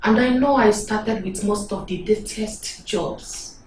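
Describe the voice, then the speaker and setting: A woman's voice: mid-range voice, slow, darkish tone, a little hiss or hum, natural voice. An actress with a Nigerian accent playing a bitter, indignant woman married into royalty, complaining she was passed over. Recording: echoey room, distant mic.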